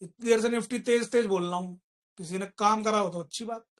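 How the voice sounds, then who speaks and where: Male trading teacher mid-class: jokey, scolding, loud when calling stocks. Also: high-pitched, steady tone, fairly quick. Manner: teasing, scolding banter, mimics callers; raises voice to call out stocks. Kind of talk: live market commentary class.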